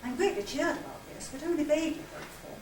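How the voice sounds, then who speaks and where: Speaking fast in a high voice, an older woman reads narration, letters and diary extracts as part of a scripted presentation to a literary society conference. The conference hall audio is echoey, with a distant mic and loud noise.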